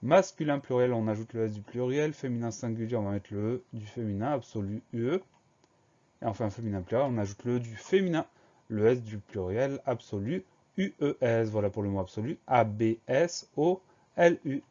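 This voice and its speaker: A young man teaching a spelling lesson, spelling words out letter by letter with slow, careful dictation. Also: medium pitch, mellow, highs cut off.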